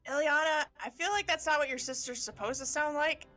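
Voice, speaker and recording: A woman's voice: high voice, a little fast, sharp tone, faint music behind. A woman playing a tabletop game, chatting and bantering casually with the group.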